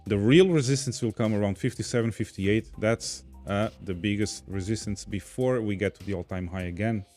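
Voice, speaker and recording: Faint music plays behind a Portuguese-accented man from Portugal as he casually hosts a livestream, reading out viewer comments. He's a chatty podcast host who laughs easily, speaking at a moderate pace with a fairly low pitch and darkish tone.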